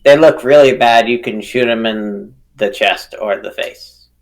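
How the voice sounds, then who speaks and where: A man's voice: on the low side, a little slow, rough recording. A man playing a tabletop game, speaking casually in character.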